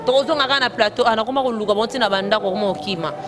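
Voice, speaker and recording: A woman with a Congolese French accent in quick, emphatic casual chat, asking many questions. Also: a little high, background noise. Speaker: fan discussing rumba music. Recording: loud music playing behind.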